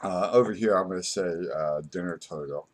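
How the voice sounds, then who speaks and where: A man's voice: low voice, fairly quick. A man narrating a step-by-step screen tutorial as an instructor, explaining things informally and without a script.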